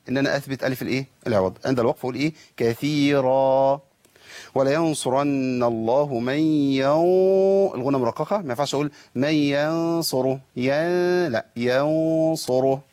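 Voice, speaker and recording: Fast-talking Egyptian tajweed teacher. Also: male voice, mid-range voice, slightly rough, no echo. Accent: Egyptian Arabic. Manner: asks and answers his own questions, models pronunciations. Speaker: Quran recitation teacher. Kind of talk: tajweed lesson with recited examples.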